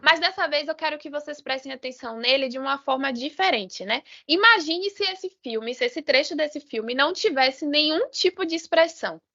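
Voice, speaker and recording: A high, bright-voiced woman with a Brazilian Portuguese accent lectures a live online sign language class. She explains step by step, often checking in with a questioning tag and correcting herself mid-phrase. Her voice comes through dull, lo-fi video call audio. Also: expressive, normal speed, few pauses. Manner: explanatory, frequent "né?" tags and self-corrections.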